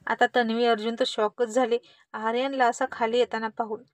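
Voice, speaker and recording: A woman storyteller reads a family tale aloud with lively expression. Her voice sits a little high, and the recording is dry and close with no room sound. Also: normal speed, no room sound. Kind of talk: scripted story narration.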